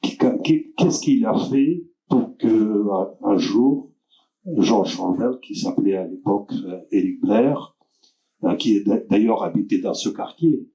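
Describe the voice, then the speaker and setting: Slow, hesitant man with a dark voice. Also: on the low side, expressive. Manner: halting, many filler sounds and restarts. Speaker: event host introducing speakers. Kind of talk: hesitant spoken introduction. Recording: dull lo-fi room recording.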